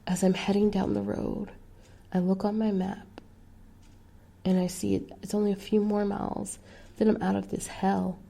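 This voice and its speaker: A woman narrating a first-person horror story, slowly and often dropping into a whisper. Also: mid-range voice, creaky, mellow.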